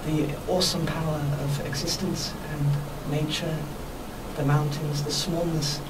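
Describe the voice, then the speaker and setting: A woman being interviewed on radio as a workshop teacher, explaining spiritual ideas in an earnest, reflective, measured way. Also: low voice, flat delivery. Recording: noisy, distant microphone.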